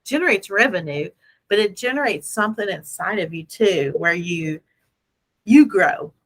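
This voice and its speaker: A woman hosting a casual motivational business chat in an animated, playful, self-deprecating way, repeating phrases for emphasis. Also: mid-range voice, normal speed, rough recording. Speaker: host.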